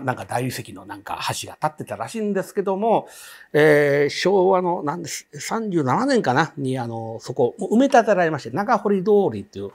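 A man with a Kansai accent telling a ghost story, vividly acting out the voices of the people in it. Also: a little high.

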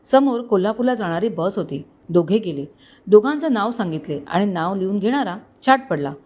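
A woman's voice: medium pitch, animated, normal speed, a little mellow. A woman with a Marathi accent narrating a love story, reading every character's lines in her own voice with small shifts. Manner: reads all characters in one voice with small shifts.

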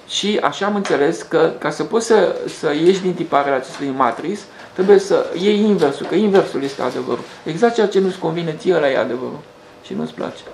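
A man's voice: high-pitched, vocal fry, a little mellow. A man hosting a rambling spiritual monologue, talking conversationally with frequent restarts and hesitations. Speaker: host. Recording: echoey room with faint background noise.

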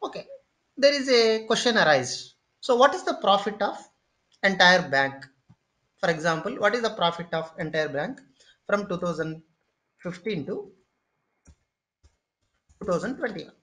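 An instructor giving a screen-share tutorial lecture, explaining step by step, often pausing on "okay" and repeating or restarting phrases while thinking. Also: mid-range voice, big pitch swings, a bit bright.

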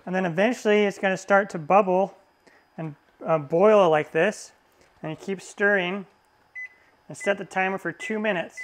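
A man hosting a cooking show, explaining each step of a recipe in a relaxed, easygoing way. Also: high voice, moderate pace. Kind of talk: cooking demonstration. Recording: roomy echo.

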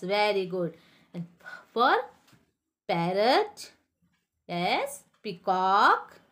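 A woman with an Indian English accent teaching young children a phonics lesson, repeating each question in a slow sing-song way. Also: mid-range voice, fairly bright tone. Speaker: school teacher.

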